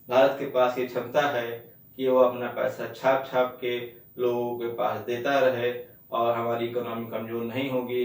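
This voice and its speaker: A male teacher giving an exam-prep lecture who repeats key words and asks himself questions, then answers them. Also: mid-range voice. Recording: echoey room, mic at a distance.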